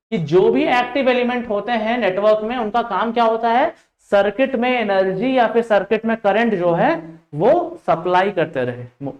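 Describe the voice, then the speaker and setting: Indian man teaching in an echoey room. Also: high-pitched. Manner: interactive, repeats "ठीक है" and "देखिएगा", drills students with questions. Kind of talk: live online class, quizzing students.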